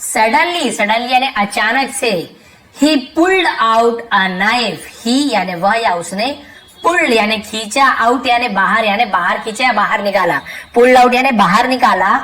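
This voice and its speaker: A woman teaching English reading, saying each English phrase slowly and then explaining it quickly in Hindi with lots of repetition. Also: a little high, fairly bright tone, poor audio. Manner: repeats phrases and checks with "theek hai". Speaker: English tutor.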